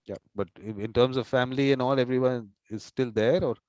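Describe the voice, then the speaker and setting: A man's voice: mid-range voice, fairly even intonation, a little fast, darkish tone, no echo, highs cut off. A man hosting an informal conversation over a video call, talkative and repeating words as he plans aloud. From India. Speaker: host and mediator.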